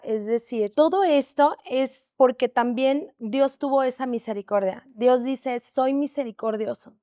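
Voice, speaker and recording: Woman, high voice, dry close sound, encouraging host of a faith chat. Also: a little mellow, no echo. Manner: encouraging, prompting others to share. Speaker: host leading a testimony session.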